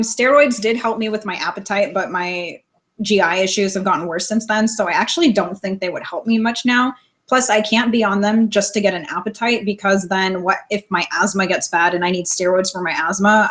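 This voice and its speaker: Young woman, live stream host; plain-spoken, casual Q&A, laughs easily. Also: mid-range voice. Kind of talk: casual live stream chat, reading viewer questions.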